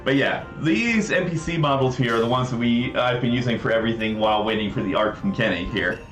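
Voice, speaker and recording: Speaking a little fast in a medium-pitched, fairly bright voice, a man demos his visual novel project on a relaxed livestream, rambling and tossing in frequent asides. Faint music plays behind him in an echoey room.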